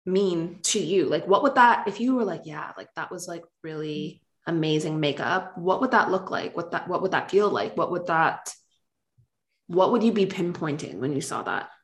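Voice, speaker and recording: A woman's voice: fairly low pitch, expressive, normal speed. A woman with a Canadian accent hosting a podcast, asking long, enthusiastic, rambling questions. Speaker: podcast host. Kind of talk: casual interview chat. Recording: roomy echo.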